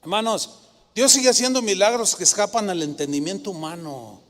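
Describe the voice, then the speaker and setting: A male pastor, preaching a sermon and telling stories with lively rhetorical questions. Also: high voice, brisk. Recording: long hall reverb.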